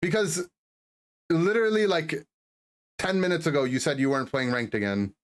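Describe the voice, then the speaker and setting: A man's voice: on the high side, moderate pace. Teasing male game streamer. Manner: teasing, reads and answers chat. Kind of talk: casual live-stream commentary.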